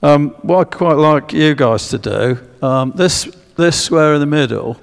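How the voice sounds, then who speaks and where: A man's voice: fairly high pitch, a little slow, gravelly, clear, resonant tone. A man giving a public history talk with slides, hesitant with many fillers and restarts, drawing guesses from the audience. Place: church. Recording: long echo of a church hall.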